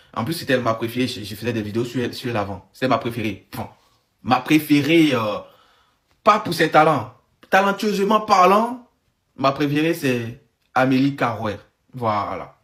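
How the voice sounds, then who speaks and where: A man commentating casually for his followers, with a voice sitting a little higher than most men's. He talks in an animated, stop-start way, stumbling over words and circling back to repeat his points. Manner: animated, stammering, repeats himself. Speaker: online commentator.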